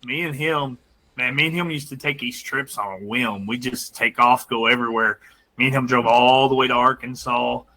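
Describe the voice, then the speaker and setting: A man co-hosting a casual podcast, telling a story in an animated way with laughter. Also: mid-range voice, rough recording. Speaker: podcast co-host.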